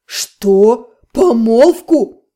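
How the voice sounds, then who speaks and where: A hot-tempered blond male mage bellows gruff accusations, as a woman reading a fantasy audiobook drops her voice for him. His voice is dark and mellow, pitched lower than the narrator's own. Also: normal speed, lightly acted. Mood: enraged.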